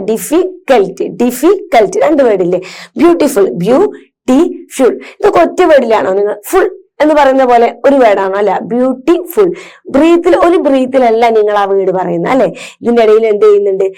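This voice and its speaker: A woman teacher with a fairly high, mellow voice talks fast and animatedly as she patiently explains grammar to children. She asks and answers her own questions, mixing English terms into Malayalam.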